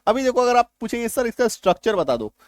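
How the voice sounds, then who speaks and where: A man's voice: extremely high pitch, big pitch swings, fast, dry recording, clean studio sound. A man teaching a grammar lesson, explaining step by step and often checking that his students follow. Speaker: English teacher.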